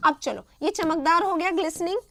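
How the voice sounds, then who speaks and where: A woman's voice: very high voice, fairly quick, sharp tone, a little hiss or hum. A woman with an Indian accent teaching English vocabulary in a live online class, explaining each word in short repeated phrases and often checking with "right?".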